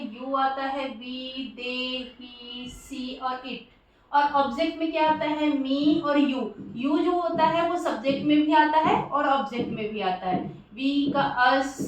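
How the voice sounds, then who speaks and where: Woman grammar teacher, slows right down on the examples, lots of echo, mic kinda far off. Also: high voice, a bit bright. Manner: patient, repeats points with frequent "ठीक है"; slows down to spell out example sentences while writing. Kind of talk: classroom-style explanation. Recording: very echoey room, distant mic.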